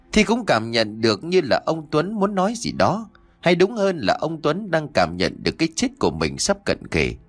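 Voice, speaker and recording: A man narrating a ghost story, reading with lively expression and voicing the characters' lines himself. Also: mid-range voice, dry recording.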